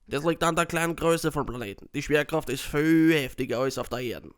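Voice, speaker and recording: A man's voice: on the high side, fairly quick, clear, resonant tone, lightly acted. A man with an Austrian accent voicing a bored, eccentric old alien martial arts master in a parody fan dub. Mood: boastful. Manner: boastful, grumpy, deadpan.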